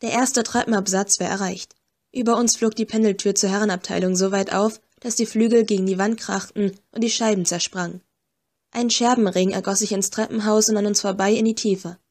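Woman, audiobook narrator, first-person story, measured and tense, mid-pitched voice. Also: steady tone, a little mellow.

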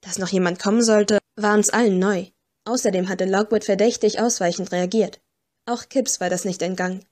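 A woman reads an audiobook in the first person, telling the story with dry wit. Her pitch sits in an ordinary middle range. The delivery is steady and composed. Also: moderate pace. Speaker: audiobook narrator.

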